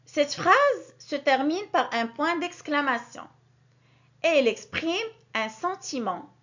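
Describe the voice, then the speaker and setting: A woman teaching a grammar lesson to young children, with a clear, sing-song teacherly delivery that stresses key words. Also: high voice, very animated, slow pace, fairly bright tone. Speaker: primary school teacher. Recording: dull lo-fi recording.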